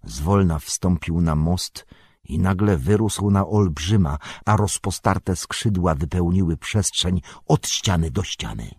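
Male audiobook narrator, deep and husky, measured and dramatic, dry close sound. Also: a little mellow, no room sound. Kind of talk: audiobook reading.

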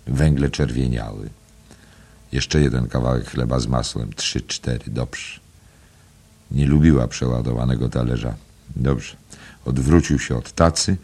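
Male audiobook narrator, calm literary reading, very low and husky. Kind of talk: scripted narration.

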